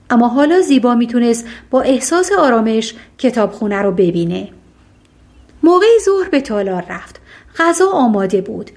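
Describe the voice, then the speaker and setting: A woman narrating a fairy tale audiobook in a calm, even storytelling manner. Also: a little high.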